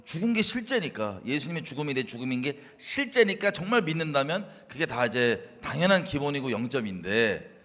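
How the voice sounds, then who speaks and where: A man in casual faith talk, animated and laughing, acting out his past self scolding others. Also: medium pitch, brisk, hardly any pauses, long reverb tail. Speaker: co-host.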